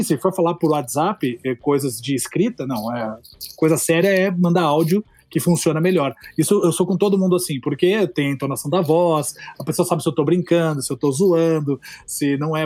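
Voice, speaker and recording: A man's voice: fairly high pitch, darkish tone, dry recording. A man with a Brazilian accent, a Portuguese teacher, chatting and explaining language points with playful examples. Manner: explanatory, playful, many fillers. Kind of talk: casual podcast chat.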